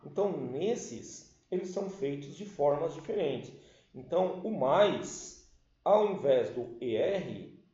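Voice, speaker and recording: Male English teacher, slow and expressive, mellow tone, echoey lo-fi recording. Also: medium pitch. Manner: explains patiently, checks understanding with "certo?" and "tá certo?"; addresses the class as "galera". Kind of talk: recorded online class lesson. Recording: echoey room, dull lo-fi sound.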